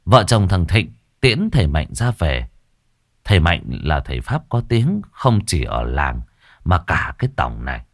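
A man narrating a ghost story in a dramatic, expressive way. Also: low voice, a little slow, no room sound, studio quality.

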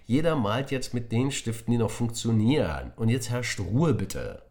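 A man voicing a calm male schoolteacher in a children's audiobook, speaking loudly, firmly and clearly. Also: medium pitch, drawn-out words, voice pushed up, exaggerated voice. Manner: firm, clear.

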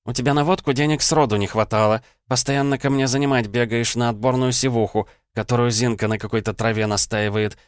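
A man's voice: medium pitch, steady tone, brisk, hardly any pauses, smooth, no room sound, pitched above the performer's own voice, natural voice. A stern village nurse who scolds without mercy, as a male narrator puts her on in a raised voice. Her talk is blunt and pushy, and the recording is dry and close, with no room sound. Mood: scolding. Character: stern sharp-tongued village nurse woman.

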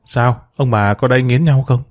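A man's voice: mid-range voice, moderate pace, close to an everyday voice. A man reading as a bitter student daughter. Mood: blunt.

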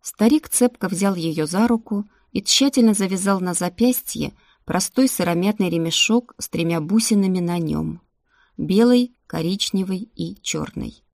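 Woman narrator, audiobook, fairly low voice, even measured reading, dry close sound. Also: creaky, dry recording. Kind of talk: scripted narration.

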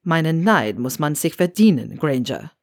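A woman voicing a stern, cold male professor with a low, clipped, hissing delivery, in a storybook reading. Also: big pitch swings, moderate pace, darkish tone, no room sound.

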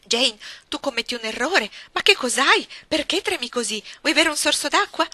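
A woman's voice: sits high, expressive, normal speed, pushed and bright, no room sound, voice pushed up. A woman voicing a cold middle-aged aunt who speaks in a coaxing, condescending way.

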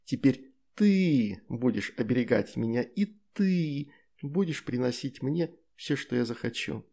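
A man's voice: medium pitch, expressive, unhurried, mellow. A man voicing a playful, teasing demoness wife and mother in an audiobook story.

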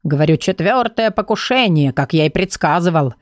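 A woman's voice: fairly low pitch, animated, moderate pace, no room sound, close to an everyday voice. A woman doing a grumbling old book. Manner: grumbling, told-you-so. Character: grumpy fat male magic book, know-it-all. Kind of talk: audiobook character voice.

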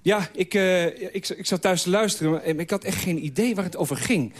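A clueless radio listener, played by a man, in a radio comedy sketch. He hesitates and stumbles at a quick pace, in a voice pitched a bit high. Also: lightly acted. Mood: puzzled. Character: confused adult male radio listener, clueless.

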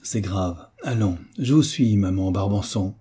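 Reader doing a patient old veteran guy, dry, dark husky voice. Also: low voice, measured pace, heavily acted.

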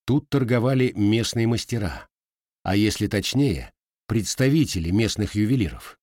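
A man's voice: fairly low pitch, animated, normal speed, darkish tone, no echo, studio quality. A man reading a historical novel aloud as an audiobook narrator, giving the characters their own slight voice changes.

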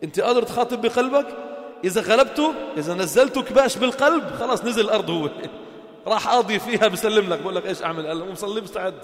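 Fast, high-voiced preacher in an echoey hall. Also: male voice. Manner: storytelling, acts out quoted dialogue, builds to emphatic exhortation. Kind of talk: informal sermon to a gathering.

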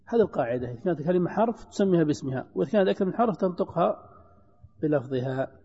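Higher-voiced man teaching grammar in a hall. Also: expressive, racing, warm tone, husky. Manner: explains patiently, repeats examples, asks the students questions. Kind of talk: classroom lesson. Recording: dull lo-fi lecture recording in a reverberant hall.

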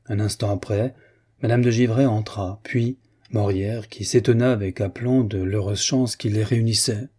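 A man narrating an audiobook of a classic novel in a measured, even way. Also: fairly low pitch, breathy edge.

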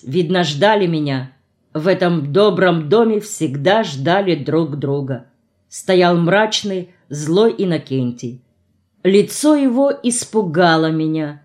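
A woman narrating a novel in the first person, in a measured, expressive audiobook reading. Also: on the low side.

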